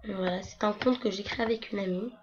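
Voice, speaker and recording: Young woman, hoarse voice, casual rambling vlogger, muffled home computer mic with faint noise. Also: medium pitch, fairly even intonation, quick pace. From France. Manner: chatty, rambling with many fillers. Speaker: gaming vlogger. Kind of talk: casual screen-recording walkthrough.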